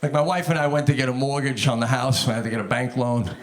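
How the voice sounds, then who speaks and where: A man's voice: mid-range voice, fast talker. Thick Long Island accent, male stand-up comic. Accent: thick New York, Long Island. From Long Island, New York. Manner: conversational, acts out dialogue. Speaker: stand-up comedian. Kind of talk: stand-up storytelling. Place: live comedy venue with audience.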